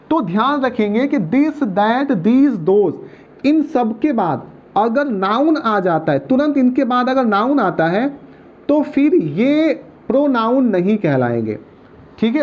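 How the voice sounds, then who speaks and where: A man's voice: very high voice, dull audio. A male teacher giving a patient grammar lesson, repeating each point and checking that students follow. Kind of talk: grammar lesson explaining at a board.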